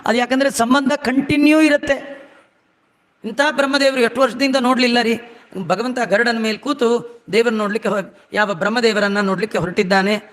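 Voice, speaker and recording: A man with a strikingly high voice gives a devotional storytelling discourse. He slows down to chant scripture verses, then drops back into homely, chatty asides. A long reverb trails every phrase, as in a large hall. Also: steady tone, fairly bright tone. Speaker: religious discourse speaker.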